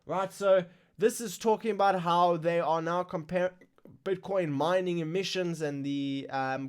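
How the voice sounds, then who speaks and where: A man with a slightly high voice hosts a casual crypto news live stream. He reads through price drops with excited asides while trying to talk past a bout of hiccups. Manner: excitable, exclaims over numbers.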